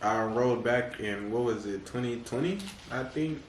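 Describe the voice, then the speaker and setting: A man's voice: mid-range voice, normal speed. Laid-back man in an echoey room. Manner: laid-back slang, many fillers, laughs often. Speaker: podcast guest. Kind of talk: casual chat. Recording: echoey room, mic at a distance, faint noise.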